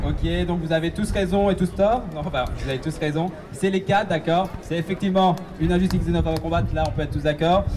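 A man hosting a public quiz at an outdoor gathering, animated and upbeat, calling out answers to the crowd. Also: high-pitched. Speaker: quiz host at a rally. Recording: distant outdoor recording with a crowd.

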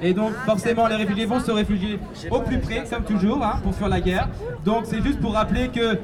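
A man hosting a public quiz at an outdoor gathering, animated and upbeat, calling out answers to the crowd. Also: sits high, brisk, music in the background. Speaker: quiz host at a rally. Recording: distant outdoor recording with a crowd.

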